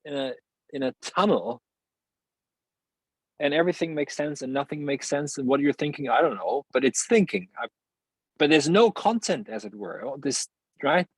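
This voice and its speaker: Husky, halting male philosopher guest. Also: fairly high pitch, expressive, dry recording, low-quality recording. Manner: searching, halting phrasing with many restarts and laughs. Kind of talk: reflective interview conversation.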